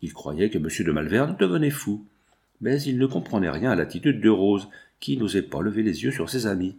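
A male narrator reading a classic novel as an audiobook. His voice sits on the low side, and his storytelling is measured and expressive. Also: vocal fry.

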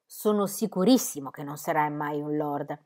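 A woman reading the part of a kindly, teasing middle-aged male country doctor, dry and gently mocking. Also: sits low, normal speed, voice pushed down, close to an everyday voice. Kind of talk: audiobook character reading.

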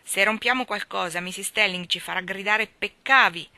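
A woman's voice: mid-range voice, moderate pace, bright, forceful tone, no room sound. A woman reading aloud and voicing a boastful, know-it-all young brother who teases his sister. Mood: teasing. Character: cocky schoolboy brother, boastful and teasing.

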